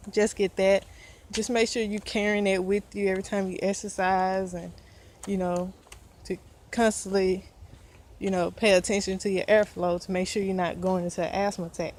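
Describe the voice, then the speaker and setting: A woman's voice: medium pitch, level tone, normal speed, darkish tone. A woman with a Southern US accent, vlogging outdoors in casual, earnest talk, a bit out of breath and encouraging. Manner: earnest, encouraging, rambling with fillers.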